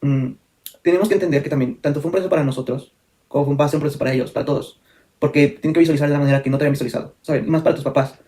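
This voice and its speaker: A young man recounts a personal story to his viewers. He rushes through it at a quick clip, candid and a little rambling, correcting himself as he goes. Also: fairly high pitch, steady tone, warm tone. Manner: fast, candid, full of fillers and self-corrections. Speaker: vlogger.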